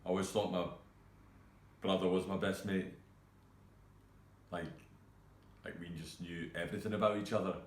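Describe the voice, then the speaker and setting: An actor playing a grieving young male cook who talks in a halting, hesitant way full of fillers. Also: sits low, flat delivery, echoey room. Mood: subdued. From Scotland. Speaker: actor performing a monologue. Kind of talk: self-tape monologue.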